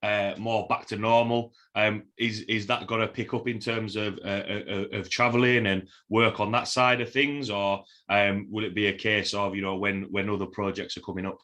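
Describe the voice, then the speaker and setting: A man with a broad Yorkshire accent hosting a casual podcast interview in a halting way, often repeating words. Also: on the low side, level tone, pushed and bright. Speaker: podcast host.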